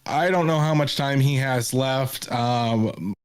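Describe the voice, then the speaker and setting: A man's voice: medium pitch, slow pace, clean tone. A man co-hosting a sports podcast who writes about sports, talking through a player profile in a chatty way with lots of ums and repeated words. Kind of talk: casual sports podcast talk.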